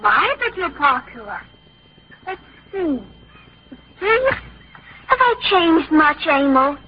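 A woman's voice: high-pitched, very animated, slow, full character voice. A woman playing a poised, affected, coquettish teenage girl in an old-time radio comedy. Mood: coy. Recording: dull lo-fi old radio recording.

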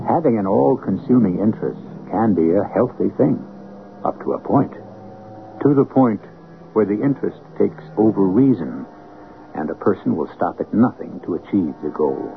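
Deep, gravelly man narrating radio drama. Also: animated, normal speed. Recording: muffled phone-like radio recording, faint music.

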